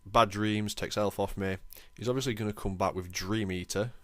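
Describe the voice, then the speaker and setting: A young man talks through his game in a relaxed, self-deprecating way, as the host of his own channel. His voice sits very low, and the sound is close and dry with no room to it. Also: moderate pace, no room sound. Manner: chatty, self-deprecating, lightly excitable. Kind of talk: casual game commentary voice-over.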